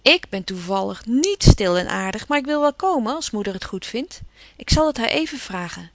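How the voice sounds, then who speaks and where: A woman's voice: on the high side, lively intonation, moderate pace, dry recording. A woman reading aloud, voicing a spirited, outspoken teenage girl in a storybook. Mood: cheery.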